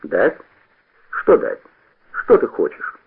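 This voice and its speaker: A man's voice: medium pitch, wildly swooping pitch, slow, creaky, breathy edge, full character voice. A man voicing a sly, spiteful boy who sneers and hisses at the others. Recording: tinny old radio broadcast.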